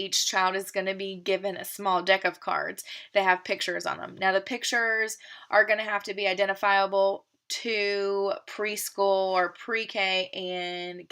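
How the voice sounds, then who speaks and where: A woman teacher lays out a literacy lesson plan step by step. She speaks in a steady, methodical way at a middle pitch, now and then pausing on a filler. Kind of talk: explaining a lesson plan, partly read.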